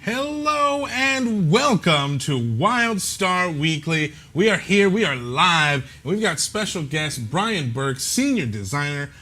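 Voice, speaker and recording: A man's voice: fairly high pitch, very animated, slow, hardly any pauses, pushed and bright. A man hosting a live gameplay talk show, upbeat and jokey with plenty of fillers. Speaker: show host.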